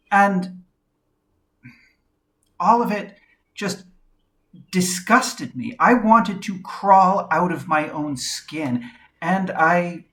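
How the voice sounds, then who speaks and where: Quiet, candid woman narrating her own life. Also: lowish voice. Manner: quiet, measured, candid, with frequent pauses. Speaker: video essayist. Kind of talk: reflective personal narration.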